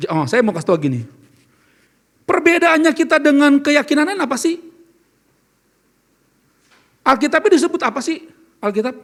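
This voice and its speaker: A man with a strikingly high voice and a gravelly edge delivers an earnest church sermon. He speaks as a pastor and keeps asking his listeners questions. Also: big pitch swings, normal speed, long pauses, fairly bright tone. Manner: earnest, asks the congregation questions. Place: church service.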